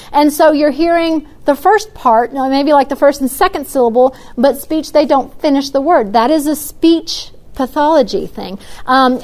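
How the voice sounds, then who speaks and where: A woman talks parents through their questions, her voice sitting a little high. She explains step by step, practical and unhurried, with frequent fillers and restarts. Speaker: early childhood educator answering parents. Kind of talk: Q&A talk to parents.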